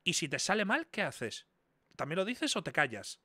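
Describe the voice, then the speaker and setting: A man in his twenties chatting casually on a live stream, chatty and incredulous, with loud outbursts. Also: fairly high pitch, sing-song, moderate pace. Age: 20s.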